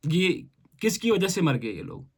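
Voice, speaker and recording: A man's voice: on the high side, huge pitch swings, unhurried, creaky, slightly rough. A young Kashmiri man with a Kashmiri accent, speaking an impassioned monologue to camera, mixing Hindi and English and firing off rhetorical questions. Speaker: vlogger.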